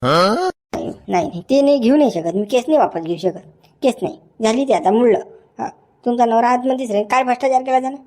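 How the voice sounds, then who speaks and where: A man's voice: very high-pitched, fast talker, a little mellow. A man acting a nervous, honest village official in a comedy sketch, protesting and repeating "baba" as he talks. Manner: protesting, sprinkles "baba" through his speech.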